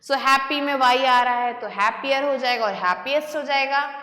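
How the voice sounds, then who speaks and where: High, echoey woman teaching grammar. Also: pushed and bright. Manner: slow, drawn-out reading of English sentences. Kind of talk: grammar lesson explaining and reading exercises. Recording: echoey room with long reverb.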